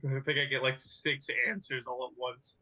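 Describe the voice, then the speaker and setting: Bright-voiced male tabletop player. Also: mid-range voice, level tone, poor audio. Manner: quick, joking asides. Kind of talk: casual tabletop play, partly in character.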